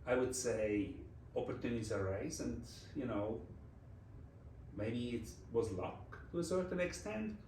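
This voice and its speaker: The guest, a Swiss man in his forties who works as a design executive, has a mid-range, slightly mellow voice with lively intonation and a measured pace. English is his second language; he reflects casually with a Swiss German accent, non-native wording and restarts. Recorded from afar and off-mic, the audio sounds roomy and echoey with slight background noise.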